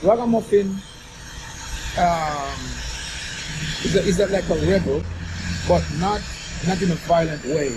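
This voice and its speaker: A man's voice: high-pitched, measured pace, long pauses, heavy background noise. A man with a Jamaican accent tells stories casually in Rasta-style speech with patois phrasing, repeating phrases for emphasis. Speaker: storyteller explaining reggae history. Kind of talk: casual conversational storytelling.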